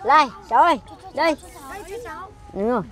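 A woman's voice: high-pitched, expressive, a little fast. An older woman cooking and serving food, talking in a chatty, coaxing way with lots of exclamations. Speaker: cooking vlogger. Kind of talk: cooking demonstration while serving guests. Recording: noisy crowd around her.

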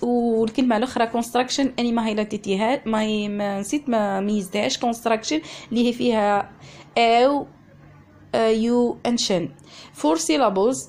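A woman English teacher with an Algerian accent giving an exam revision lesson, speaking slow, deliberate English and rapid dialect explanations. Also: on the high side, darkish tone, a little hiss or hum.

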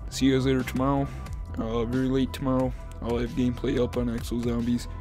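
A man's voice: mid-range voice, little pitch movement, a little mellow, soft background music. A man giving a casual gaming commentary as a YouTuber, rambling and repeating himself with lots of ums and uhs. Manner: says he is talking fast to keep it short.

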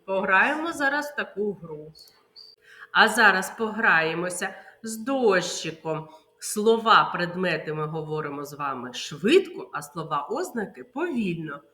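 A woman's voice: mid-range voice, sharp tone, reverberant, slight background noise. A woman kindergarten teacher giving a literacy lesson to small children, drawing out her words and answering her own questions. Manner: slow, sing-song, drawn-out words, asks and answers her own questions.

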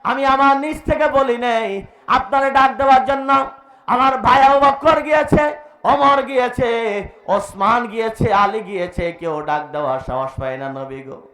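A man preacher voicing a trembling, humble male companion who pleads in a high, strained voice during sermon storytelling. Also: flat delivery, moderate pace, a bit bright, close to an everyday voice. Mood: pleading. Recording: echoey amplified hall.

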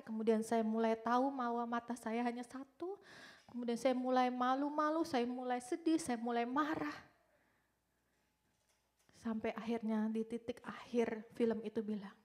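A young woman with a high voice gives a heartfelt testimony to a congregation. She talks dramatically, falling to hushed whispers and then rising to loud, anguished cries. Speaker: testimony speaker. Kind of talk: emotional testimony sermon.

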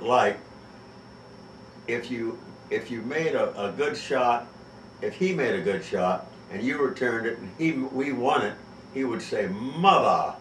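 Older man, casual storyteller, halting delivery, heard from across an echoey room. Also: medium pitch, far from the mic, slight background noise. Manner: rambling, halting with many pauses. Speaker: interviewee recalling a prank.

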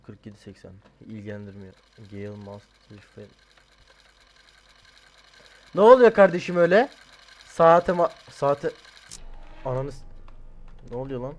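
A young man doing casual horror game commentary, joking and mumbling, then yelling in panic. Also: mid-range voice. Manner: jokey, swings from mumbling to loud panicked yelling. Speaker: gaming streamer.

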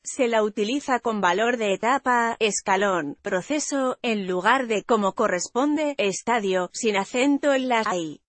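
Female news voice-over, fairly high pitch, even measured read, dry booth sound. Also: no room sound. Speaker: news reader. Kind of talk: reading a news article aloud.

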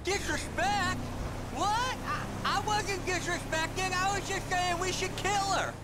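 An actor playing a dim-witted, meek young male sidekick, slow and hesitant. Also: very high voice, fairly even intonation, heavy background noise.

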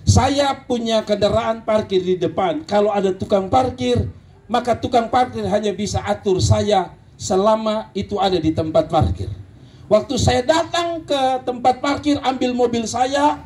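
A man with a Kupang Malay accent, preaching a sermon and telling stories, rising to emphatic bursts and dropping low. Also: moderate pace, a little mellow. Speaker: pastor.

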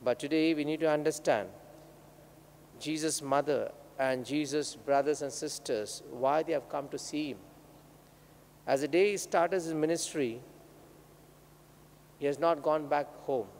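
Priest in an echoing church. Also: male voice, fairly high pitch, gravelly, darkish tone. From India. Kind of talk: gospel reading and homily. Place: large indoor church, at the altar. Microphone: gooseneck microphone on altar. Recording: echoey church hall, audible background noise.

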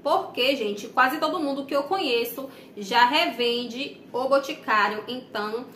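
A woman's voice: high voice, unhurried, a bit bright. A young woman from Brazil with a Bahian accent, chatting casually to viewers while unboxing in a small room, recorded on a camera mic. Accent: Bahian Brazilian Portuguese. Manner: chatty, addresses viewers often. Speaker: vlogger. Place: small room indoors, plain wall. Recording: echoey room, faint background noise.

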